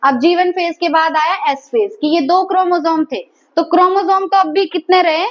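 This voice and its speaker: A woman's voice: very high voice, moderate pace. A woman teaching a biology class, asking her students questions and repeating their answers. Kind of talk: classroom lecture.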